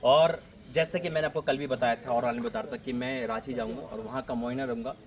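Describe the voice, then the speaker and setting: A man preaching a fervent fundraising sermon outdoors at a church building site, talking loudly without a microphone. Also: medium pitch, fairly even intonation, fast. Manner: fervent, declaring blessings. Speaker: pastor.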